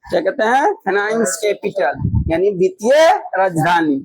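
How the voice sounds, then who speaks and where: Male teacher, Bihari Hindi accent, very high voice, loud, repetitive, call-and-response quizzing. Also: animated, normal speed, dry recording, rough recording. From Bihar, India. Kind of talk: classroom exam drill lesson.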